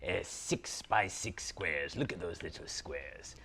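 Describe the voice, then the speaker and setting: A man's voice: low-pitched, slow, gravelly, sharp tone, slightly rough, pitched below the performer's own voice, exaggerated voice. A man voicing a pompous villain sorcerer prince in a comic skit, haughty and theatrical, now and then dropping to a stage whisper.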